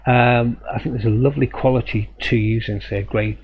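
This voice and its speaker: A man's voice: mid-range voice, fairly even intonation, fairly quick. A man teaching a live drawing stream, talking thoughtfully and rambling a little, often correcting himself and chuckling. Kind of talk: live drawing demo and chat. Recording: dull lo-fi stream audio with faint hum.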